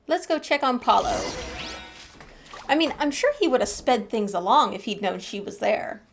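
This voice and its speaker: Over game music and a noisy background, a woman streamer gives casual, lighthearted, chatty commentary while she plays through a game. Her voice is on the high side and expressive, at a moderate pace.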